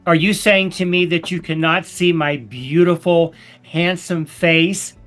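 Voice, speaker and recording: A male podcast co-host asks questions over a video call in a playful, teasing manner. He talks very slowly in a fairly high voice, drawing his words out. Faint music runs behind him. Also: steady tone, a bit bright. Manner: playful, joking. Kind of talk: casual interview questioning.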